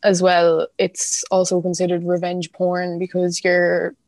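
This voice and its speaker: A woman's voice: fairly low pitch, monotone, a little slow, a little mellow, dry recording. A woman of twenty with a west of Ireland accent, talking earnestly and informally as a podcast guest. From County Clare, west of Ireland. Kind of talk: conversational interview.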